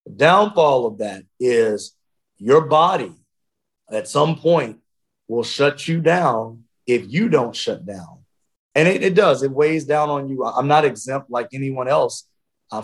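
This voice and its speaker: A man's voice: mid-range voice, a little slow, breathy edge. Earnest, reflective man in an interview. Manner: earnest, reflective, restarts phrases. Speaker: interview guest, advocate.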